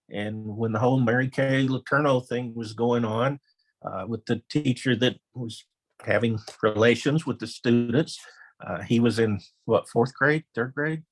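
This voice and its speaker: Middle-aged male presenter, husky voice, storytelling style, mid-pitched. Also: rough recording. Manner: anecdotal, acts out quoted voices with raised pitch. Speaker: webinar presenter, former elementary principal. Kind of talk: conversational training webinar.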